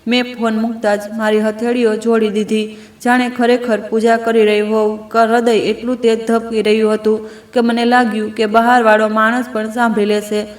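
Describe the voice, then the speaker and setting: A woman reading a first-person family story aloud in an even, measured, subdued way. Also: a little high. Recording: echoey room.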